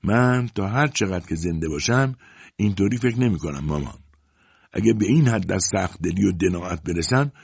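A man's voice: deep voice, expressive, creaky, slightly rough, no room sound, heavily acted. A man voicing a defiant, outspoken young woman who argues with her mother in a storybook reading. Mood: pleading. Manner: pleading, defiant. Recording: dull dry lo-fi audiobook recording.

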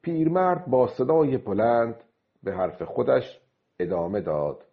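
A man narrating a radio drama in an expressive storytelling manner. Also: medium pitch, narrow, tinny audio.

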